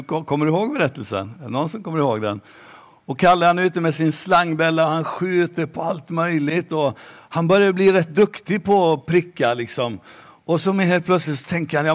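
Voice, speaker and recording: A man preaching a sermon slowly and emphatically, at times dropping to a near-whisper. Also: a little high.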